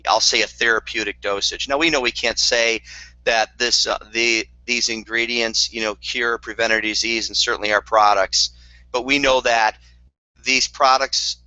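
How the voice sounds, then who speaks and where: A man's voice: medium pitch, sharp tone, dry recording. A man giving a motivational network marketing talk, earnest and repetitive, with dry sarcastic asides, on a dull lo-fi recording.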